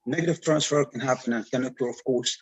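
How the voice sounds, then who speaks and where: Male academic panelist, North African (Algerian) accent, native Arabic speaker, slightly husky voice, explaining with examples, halting delivery. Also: medium pitch, low-quality recording. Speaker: conference panelist.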